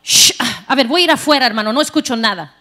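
A woman voicing a flustered husband on a phone call, hushing the house loudly and hurrying. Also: fairly high pitch, lively intonation. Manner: loud, hurried, repeated hushing.

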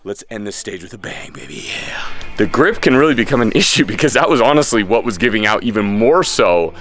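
Faint music sits behind a brisk, animated man in his thirties whose fairly low voice is a bit bright. He's a fitness coach giving easygoing, enthusiastic voice-over instructions for exercises at an outdoor home gym by a garage.

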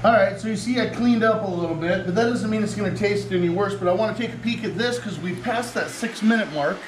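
Chatty, high-voiced man cooking. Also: quick pace, a little hiss or hum. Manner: chatty, enthusiastic, talks to viewers while cooking. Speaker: cooking show host. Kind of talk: casual cooking demonstration. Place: home kitchen studio, indoors.

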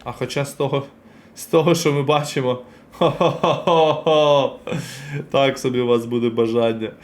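A man's voice: medium pitch, fairly even intonation, darkish tone. A man streaming a football card game, chatting casually with his viewers as he opens packs and reacts. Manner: chatty, addresses chat directly, quick reactions. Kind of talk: casual live-stream commentary while opening packs.

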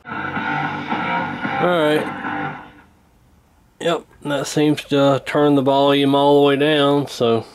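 Speaking in a higher-than-average voice with a clean tone and fairly even intonation, this radio-repair host stretches out his words and leaves long pauses as he casually narrates his work. The rough recording comes from a handheld camera by an indoor bench, which adds noticeable background noise over soft background music.

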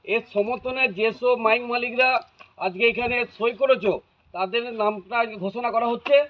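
A man's voice: very high voice, normal speed. A man announcing rules and figures at a public meeting in a formal way. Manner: formal, states rules and numbers. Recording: muffled, lo-fi.

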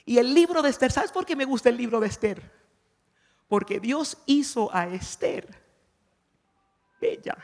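A woman's voice: on the high side, expressive, measured pace, long pauses, a little mellow. A woman giving a chatty, playful sermon at a conference, often asking her audience questions. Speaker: conference speaker. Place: church conference hall. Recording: long reverb of a large hall.

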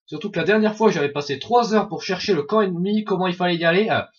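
A man giving excitable, profanity-laden commentary while playing an online game, often shouting at opponents. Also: sits high, fast talker, highs cut off. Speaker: gaming video host. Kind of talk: Let's Play commentary.

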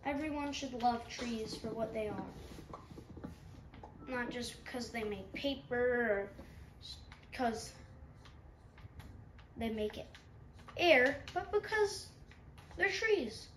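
Pausing often and speaking slowly, a woman with a fairly high, fairly evenly intoned voice rambles through a let's-play, mocking herself as she games. She sounds stuffy-nosed, and the gaming channel host is picked up by a distant mic in a roomy space with a faint hum.

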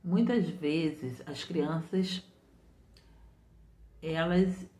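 A woman from Brazil, a literacy teacher, explains patiently and step by step, often repeating her points. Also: low voice. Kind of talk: didactic explanation. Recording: roomy, muffled home recording.

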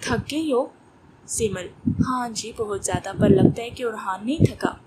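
A woman's voice: fairly high pitch, lively intonation, unhurried. A woman narrating a romance novel, reading all the parts in her own voice. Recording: noisy recording with clicks.

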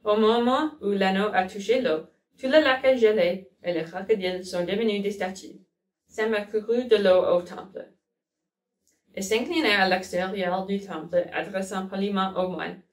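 A woman reads a children's picture book aloud at a careful pace, stopping now and then to correct herself. Her voice is mid-pitched and sounds distant in an echoey room. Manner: slow careful reading with self-corrections. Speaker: storyteller. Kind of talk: children's storybook read-aloud. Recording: roomy, from a distance.

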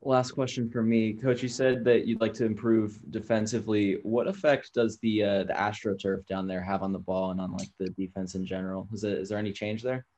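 Very deep-voiced young man reporter. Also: little pitch movement, a little fast, few pauses, darkish tone. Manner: rambling, loose questions. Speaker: student reporter. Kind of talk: press conference question.

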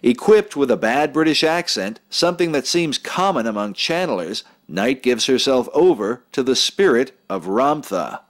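A man's voice: medium pitch, sing-song, normal speed, few pauses. A man giving scripted documentary narration in a grave, disapproving tone.

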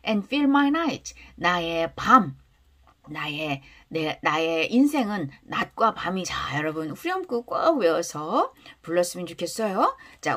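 A woman teaching English through pop song lyrics, stretching English lines slowly for students to repeat and explaining quickly in between. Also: a little high, a bit bright.

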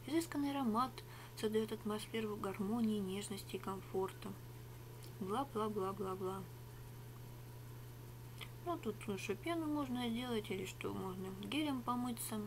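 Recorded close by a webcam held at arm's length in a small home room, a middle-aged woman who makes ASMR videos murmurs and whispers a rambling, sarcastic product review. Her ordinary-pitched voice sounds gravelly, the audio quality is poor, and a faint hum runs underneath.

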